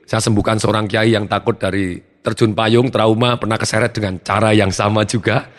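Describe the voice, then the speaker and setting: A man giving a motivational seminar talk, energetic and acting out his students' lines. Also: lowish voice, moderate pace, long reverb tail. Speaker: motivational trainer.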